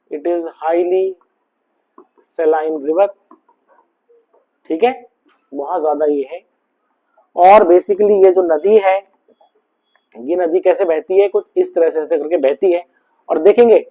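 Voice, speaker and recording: A man's voice: high voice, highs cut off. A man giving a classroom lecture, mixing in English terms and keeps asking if the students have understood. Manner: mixes English terms into explanations. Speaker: teacher.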